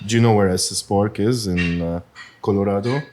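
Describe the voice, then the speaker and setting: A man from Lebanon who owns a pizzeria, talking casually in an interview with many pauses and fillers. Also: on the low side. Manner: hesitant, many fillers, soft-spoken. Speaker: pizzeria owner. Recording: faint background noise.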